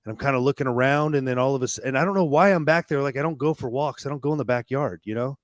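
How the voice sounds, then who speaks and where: Candid man telling a personal story. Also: mid-range voice. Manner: candid, halting, with frequent restarts and laughs. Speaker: podcast guest. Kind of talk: personal storytelling in a podcast interview.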